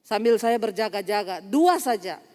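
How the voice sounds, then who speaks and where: A woman's voice: medium pitch, moderate pace. A woman pastor preaching a sermon, telling stories with humor and speaking straight to the congregation. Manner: lively storytelling with humor, addressing the congregation. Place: church service hall. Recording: long reverb of a large church hall.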